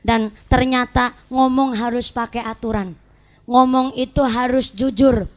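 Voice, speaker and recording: A woman preacher with a high voice and a Banyumas Javanese accent delivers a comic sermon. She tells playful stories and slips regional dialect words into her talk. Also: steady tone, a little slow. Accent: Banyumas Javanese (Ngapak). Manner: jokey storytelling, mixes regional dialect words into Indonesian. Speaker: Islamic preacher. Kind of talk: humorous sermon.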